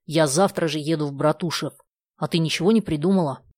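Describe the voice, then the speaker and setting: A woman voicing an excited teenage boy who talks quickly and confidingly in a storybook reading. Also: low-pitched.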